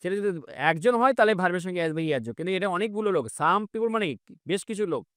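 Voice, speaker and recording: Man, Bengali accent, English reading lesson, high voice, dry close sound. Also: lively intonation, fairly bright tone, dry recording. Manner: slow, drawn-out English model sentences between quick explanations. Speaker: English teacher.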